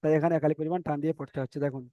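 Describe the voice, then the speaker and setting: A male teacher, giving a step-by-step recitation lesson, spelling out letters slowly and repeating syllables. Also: fairly high pitch, steady tone, mellow, dry recording, lo-fi sound. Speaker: Quran reading teacher.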